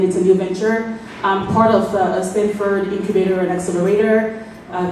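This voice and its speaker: A woman from France, speaking on a panel in a businesslike, fluent way with quick bursts and fillers. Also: mid-range voice, a little mellow. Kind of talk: panel talk. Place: event space. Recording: echoey room, mic from far off, faint noise.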